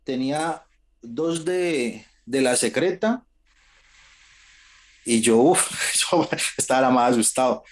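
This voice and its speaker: A man's voice: medium pitch, takes it slowly, pauses often. A man, an interview guest telling his own story in a casual way and acting out what others said. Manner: animated, acts out quoted dialogue in shifted voices.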